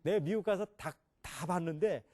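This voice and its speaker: A man's voice: on the high side, moderate pace, a little mellow, a little hiss or hum. A middle-aged man giving a classroom lecture on English pronunciation, questioning his listeners and demonstrating sounds.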